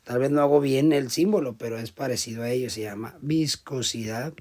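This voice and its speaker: A man giving a classroom lecture, explaining step by step and often checking in with the class, his volume swinging between loud emphasis and quiet asides. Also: medium pitch, a little fast. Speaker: teacher.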